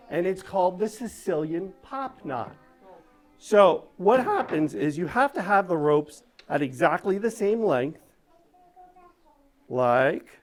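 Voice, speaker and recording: A woman doing live magic show patter for children, giving step-by-step instructions and coaxing the audience along with frequent check-in questions. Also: low-pitched. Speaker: stage magician performing for children.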